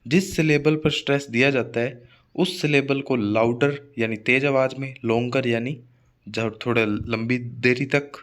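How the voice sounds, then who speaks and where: A man's voice: mid-range voice, steady tone. Hindi-speaking man teaching English word stress. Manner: repeats example words slowly, drawn out; frequent "theek hai" check-ins. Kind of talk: exam-prep lesson on word stress.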